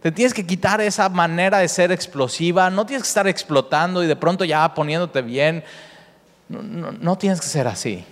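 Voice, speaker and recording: A man's voice: on the high side, normal speed. Earnest male pastor in a reverberant hall. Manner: earnest, repeats himself, often rephrases with "o sea". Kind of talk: sermon. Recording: long reverb of a large hall.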